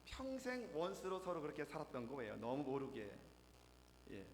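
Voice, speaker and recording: A man preaching a sermon as pastor, telling jokes with lively storytelling and acting them out. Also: on the high side, moderate pace. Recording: echoey hall, faint noise.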